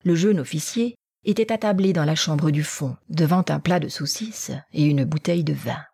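A woman narrating an audiobook in a hushed, half-whispered way. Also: sits low, moderate pace, vocal fry, breathy edge, no echo, studio quality.

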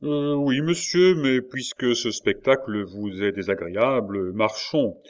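Guy reading a courteous officer in an audiobook, calm and matter-of-fact. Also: mid-range voice, a little slow, close to an everyday voice. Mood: polite. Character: courteous male army officer, gently firm.

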